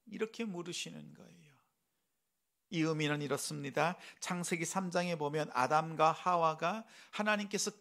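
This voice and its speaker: Higher-voiced pastor preaching a sermon. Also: male voice. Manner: preaching with rhetorical questions, acting out God's gentle voice. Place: church sanctuary.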